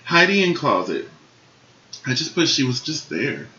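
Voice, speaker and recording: Animated man in casual review chat. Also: medium pitch, measured pace, slight background noise. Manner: animated, laughs loudly and often. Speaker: co-host reviewing a TV competition show. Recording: dull, roomy home recording.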